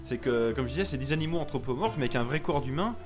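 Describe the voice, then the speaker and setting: A man's voice: mid-range voice, expressive, very fast, over music. A man in a casual podcast chat, chiming in eagerly to explain.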